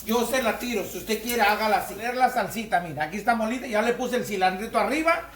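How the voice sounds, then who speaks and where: A man's voice: high voice, expressive, fast talker, a bit bright. Folksy man cooking in an echoey kitchen. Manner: folksy, coaxing, repeatedly addresses the viewer. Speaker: home cooking demonstrator. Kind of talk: cooking demonstration. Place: home kitchen by the stove. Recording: echoey kitchen with frying sizzle.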